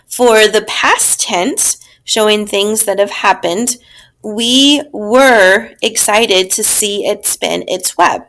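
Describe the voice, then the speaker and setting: A woman teacher giving a recorded grammar lesson, explaining slowly and patiently step by step. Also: medium pitch, fairly bright tone.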